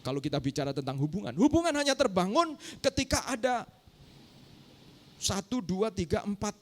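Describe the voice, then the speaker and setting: A man's voice: high-pitched, big pitch swings, moderate pace, darkish tone. A middle-aged man preaching a sermon as pastor, telling a story and often turning to address the congregation directly. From Indonesia.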